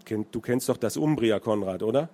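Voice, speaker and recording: A man voicing a dry, quiet middle-aged man after fleeing a bar. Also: fairly low pitch, expressive, a little fast. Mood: wry.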